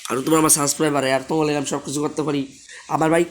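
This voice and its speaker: Hoarse young man with a sore throat. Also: fairly high pitch, flat delivery, very fast. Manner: chatty, repeatedly begs viewers to subscribe. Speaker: gaming channel host. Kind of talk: casual gameplay commentary.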